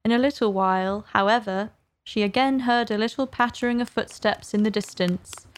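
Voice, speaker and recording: A woman reading a storybook aloud as narrator in a clear, even way. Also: mid-range voice, moderate pace, slight background noise. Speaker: audiobook reader.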